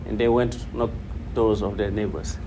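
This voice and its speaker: A preacher with a fairly low voice speaks at a normal pace, informally teaching hadith to a congregation. He quotes Arabic and repeats key phrases for emphasis, while the noisy room carries a steady hum.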